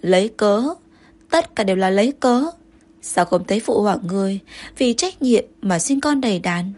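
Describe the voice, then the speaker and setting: A woman voicing a proud, jealous young consort who answers in sharp, indignant retorts, with a breathy voice. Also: mid-range voice, expressive, normal speed, close to an everyday voice. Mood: accusing.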